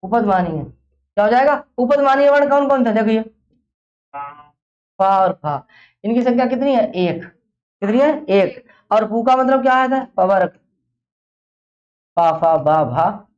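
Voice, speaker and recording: A woman's voice: medium pitch, animated, a little slow, pauses often, darkish tone. A woman teaching an exam-prep class, who fires off a question, repeats it, and then answers it herself. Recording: dull lo-fi classroom recording.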